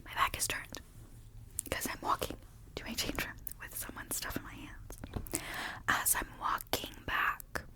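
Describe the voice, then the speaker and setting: A woman's voice: measured pace, pauses often. A young woman whispering a profane, ranting workplace gossip story as ASMR, growing heated, close to the mic. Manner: animated, gets heated. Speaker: ASMR creator. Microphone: close handheld recorder.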